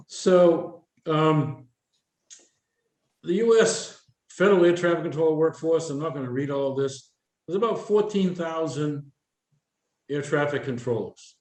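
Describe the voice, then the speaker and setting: An older man, a retired air traffic controller, gives a career workshop presentation to a live audience in a roomy, echoing indoor space. His voice is slightly high with a darkish tone. Like an informal instructor, he explains things step by step and quizzes his listeners along the way.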